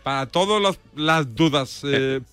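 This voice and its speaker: Bright, joking radio host. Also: male voice, a little high, clean tone, no echo. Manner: joking, quick questions. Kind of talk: casual radio chat.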